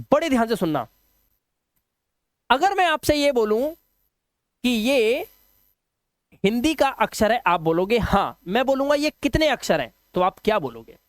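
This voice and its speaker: A man's voice: very high-pitched, no echo, clean studio sound. A man teaching a video lesson, patient and repetitive, often asking the viewers questions. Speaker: English teacher. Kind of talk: classroom-style video lesson.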